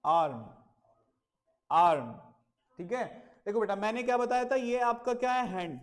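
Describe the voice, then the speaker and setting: A man's voice: extremely high pitch, brisk. A male teacher giving a children's English lesson, patiently repeating words and spelling them out letter by letter, mixing Hindi with simple English phrases.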